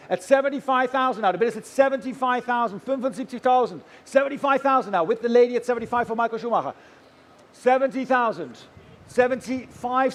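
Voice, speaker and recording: Man, auctioneer, very high-pitched voice, calling numbers, theatrical, speaking straight to bidders. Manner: chanting rising numbers, addressing bidders directly, theatrical. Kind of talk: live auctioneer calling bids.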